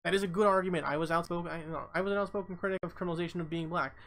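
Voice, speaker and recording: A man's voice: sits high, steady tone, racing, fairly bright tone, a little hiss or hum, rough recording. A man live streaming, reading a news article aloud and breaking off with blunt, profane commentary, often stumbling over words.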